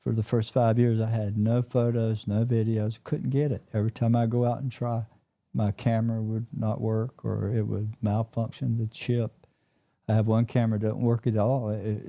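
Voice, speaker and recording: A man telling a personal story in an interview, in a halting, plain-spoken way that repeats words. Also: fairly low pitch, mellow, dull audio. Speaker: interview guest.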